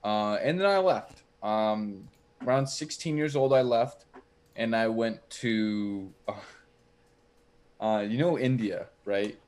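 A man's voice: fairly low pitch, slow, darkish tone. A young man co-hosting a casual podcast, telling a rambling, mock-boastful story about himself. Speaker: podcast co-host.

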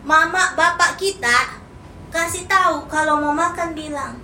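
A woman's voice: high-pitched, unhurried, pushed and bright, echoey room, slight background noise. A woman preacher, giving a playful sermon and acting out the lines she quotes. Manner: playful, acts out quoted lines, teases the congregation. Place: church hall.

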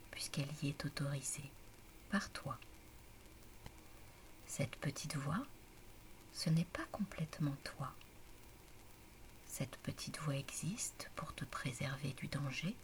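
A woman whispering as a serene old grandmother who guides the listener in a whispered role-play. Her voice is low and unhurried, with slow, soothing instructions over a faint hiss.

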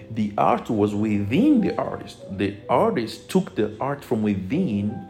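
A man's voice: on the low side, vocal fry. Togolese-accented man coaching over music. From Togo, West Africa. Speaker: spiritual life coach, teacher. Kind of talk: motivational teaching with music.

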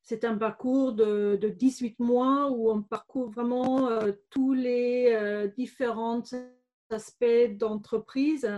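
A German-accented woman in her forties, a guest giving interview testimony, speaks hesitantly with many fillers. Her voice is a little high, dark and steady, slow, with the highs cut off.

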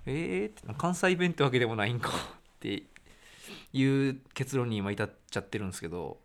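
A young man chats on a podcast. His voice sits at an ordinary middle pitch, and he turns playful and animated when he argues a point. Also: a little fast, gravelly. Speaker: podcast co-host, band member. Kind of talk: casual chat.

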